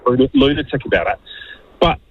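Husky New man over a phone line. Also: medium pitch, sing-song, fairly quick, dry recording. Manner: blunt, joking, opinionated. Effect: heard over a phone line. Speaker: caller to a radio show. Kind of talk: casual phone-in chat.

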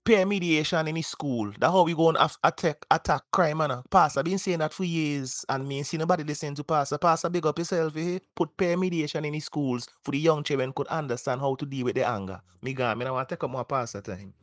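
A man's voice: on the high side, fast, hardly any pauses, no echo. A man from Saint Vincent with a Vincentian accent, calling a radio show to give impassioned, rhetorical commentary in dialect. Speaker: call-in radio caller.

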